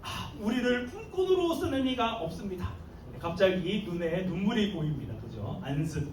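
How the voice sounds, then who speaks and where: A man's voice: high-pitched, a little hiss or hum. A man preaching to a youth group, telling the story animatedly with slang and chuckles. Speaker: youth pastor. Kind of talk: youth sermon. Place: church sanctuary. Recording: echoey room, mic far off.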